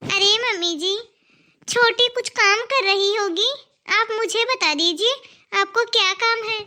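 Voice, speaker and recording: A voice actor playing a meek, dutiful young daughter-in-law in an animated cartoon. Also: extremely high pitch, measured pace, exaggerated voice. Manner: polite, obedient.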